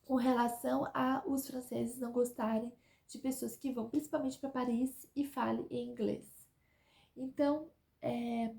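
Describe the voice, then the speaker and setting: Chatting through advice for her audience, this woman, a vlogger based abroad, keeps tossing in "tá?" and "né?". Her fairly high voice is creaky with a dark tone.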